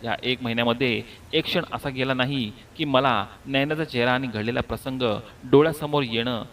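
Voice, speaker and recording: A man narrating a first-person horror story in a steady, unhurried way. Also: medium pitch. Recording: slightly distant mic, faint background noise.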